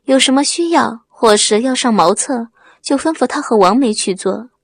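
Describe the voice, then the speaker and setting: A woman voicing a young village man who speaks in a gentle, reassuring way in a storybook reading. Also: fairly high pitch, animated, moderate pace, creaky, breathy edge, no room sound, clean studio sound, heavily acted. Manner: gentle, solicitous tone. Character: young male villager, outwardly caring and reassuring.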